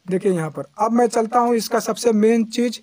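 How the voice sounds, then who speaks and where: Fast-talking high-voiced man teaching. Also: darkish tone, no echo. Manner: chatty, repeats fillers, frequent restarts. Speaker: YouTube tutorial host. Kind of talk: casual screen-recorded tutorial. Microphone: lapel mic.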